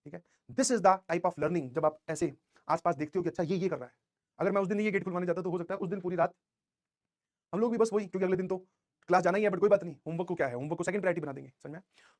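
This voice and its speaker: A young man teaching a class of exam students, telling a motivational story in an animated way, with English phrases mixed in. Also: high-pitched, quick pace. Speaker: coaching teacher.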